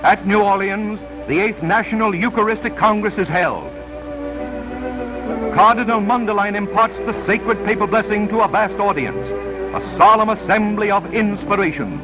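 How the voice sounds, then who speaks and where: A high-pitched male narrator declaims a scripted 1930s newsreel in a dramatic, solemn manner at a moderate pace. The vintage soundtrack has its highs cut off, with newsreel music in the background.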